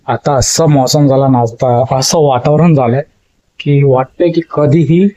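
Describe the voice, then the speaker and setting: A man's voice: medium pitch, slow pace, dark tone. A man talking in a casual vlog, rambling and emotional as he opens up about his feelings. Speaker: vlogger. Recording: slightly dull lo-fi audio.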